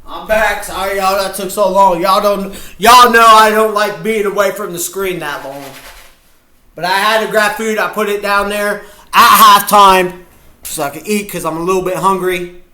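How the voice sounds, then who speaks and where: With a sharp tone and a high voice at normal speed, a streamer talks goofily to viewers while watching a football game. It's casual, chatty live reaction.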